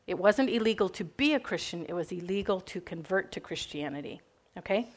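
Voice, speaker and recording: Lecturing on church history before a live classroom group, a woman with a Minnesota accent speaks in a lowish, expressive voice at a fairly quick pace. Her style is chatty and casual, full of filler words and asides.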